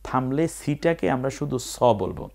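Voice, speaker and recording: A man teaching Quran recitation step by step, spelling out sounds patiently and now and then chanting whole words in a drawn-out tone. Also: mid-range voice, animated, vocal fry, a little mellow.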